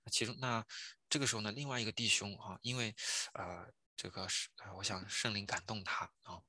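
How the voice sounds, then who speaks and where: A man preaching a sermon in an earnest way, often pausing on filler sounds and repeating phrases as he tells a testimony. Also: fairly low pitch, steady tone, sharp tone, dry recording. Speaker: pastor.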